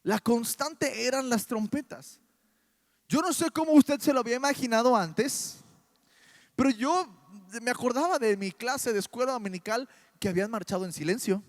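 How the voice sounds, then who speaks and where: A man with a Mexican Spanish accent preaching a sermon in church, animated and full of rhetorical questions. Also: very high-pitched, a little fast.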